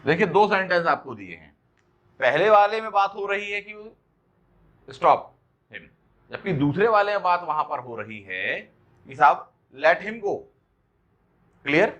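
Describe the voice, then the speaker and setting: A man teaching an exam-prep lecture, explaining step by step, checking understanding with questions and reading example lines slowly. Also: high voice, sing-song, a bit bright. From India.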